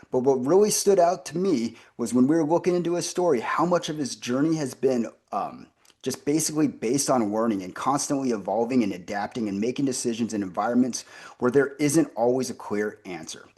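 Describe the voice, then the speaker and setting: A man's voice: mid-range voice, a little fast, darkish tone. A man hosting a business interview podcast, upbeat and enthusiastic, with frequent fillers. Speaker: podcast host. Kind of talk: conversational interview.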